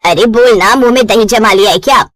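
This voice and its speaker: A woman's voice: on the high side, fairly quick, fairly bright tone, dry recording, voice pushed down. A woman voicing a blunt, teasing middle-aged mother in a cartoon story. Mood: joking. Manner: teasing, dry jokes.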